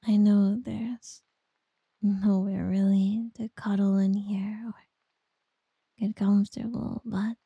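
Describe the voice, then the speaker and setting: A woman doing a whispered ASMR girlfriend roleplay, soft, teasing and doting. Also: mid-range voice, flat delivery, takes it slowly, long pauses, slightly rough, dry recording, muffled recording.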